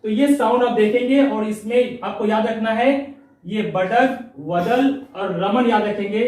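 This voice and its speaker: Guy teaching english sounds online, highish voice, super echoey room, mic kinda far off. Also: a little mellow. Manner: explains step by step, repeats words, asks and answers himself. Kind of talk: online pronunciation lesson.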